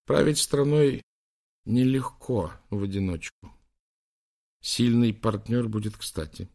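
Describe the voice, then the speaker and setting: A man voicing a gentle, sorrowful elderly bishop in an audiobook, speaking softly and confidingly. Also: medium pitch, slow, creaky, voice pushed up. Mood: gently wise.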